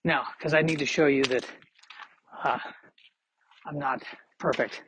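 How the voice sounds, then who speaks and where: A forty-year-old man talks on his own in a loose, meandering podcast ramble. His voice sits at an ordinary middle pitch, and he pokes fun at himself as he goes. A faint hiss runs under the recording. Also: fairly even intonation, unhurried, a bit bright, poor audio. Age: 40s. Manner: rambling, self-deprecating, chatty. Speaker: podcast host. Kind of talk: casual solo podcast monologue.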